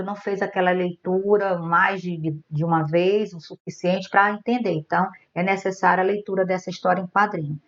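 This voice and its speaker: Brazilian lady teaching class word by word, lowish voice, kinda muffled lo-fi audio. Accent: Brazilian Portuguese. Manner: patient, methodical, going word by word. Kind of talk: online class lesson. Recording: dull lo-fi recording.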